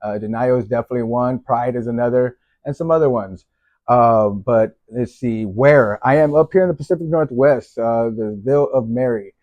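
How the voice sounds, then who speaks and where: A middle-aged Texan opens a faith-based vlog, rambling casually with many fillers and restarts. His medium-pitched voice moves at a moderate pace, and the recording has no room sound, with a dull, dry, lo-fi quality.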